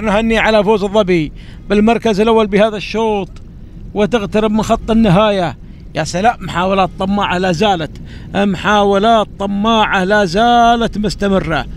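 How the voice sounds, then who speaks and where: A man with a Gulf Arabic accent giving live camel race commentary, repeating phrases for emphasis. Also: high-pitched. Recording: outdoor recording with vehicle noise. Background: faint car and outdoor noise.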